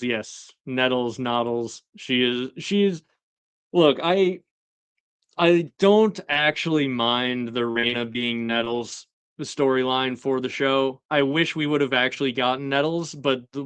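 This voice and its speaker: Chatty man recapping, smooth dry voice. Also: mid-range voice, no echo. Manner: chatty, animated, acts out quoted lines. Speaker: show host recapping a TV episode. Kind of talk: casual live-stream commentary.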